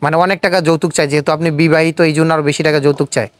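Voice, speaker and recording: This on-camera street interview is hosted by an interviewer with a Bangladeshi accent who repeats replies back as questions to dig deeper. His medium-pitched voice stays steady and rapid-fire, with no echo.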